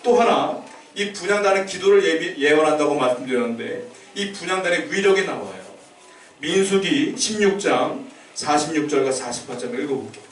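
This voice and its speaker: Korean pastor preaching in a roomy church. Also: male voice, on the high side, moderate pace. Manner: animated preaching, acting out scripture voices. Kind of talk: sermon. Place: church sanctuary. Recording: roomy church sound from a distant mic.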